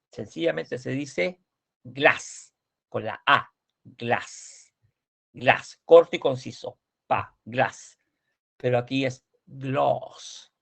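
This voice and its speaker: A male language teacher speaking slowly with a deep gravelly fry in his voice. He drills pronunciation point by point and patiently corrects his students, repeating words again and again. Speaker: Swedish teacher. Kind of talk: online class explanation.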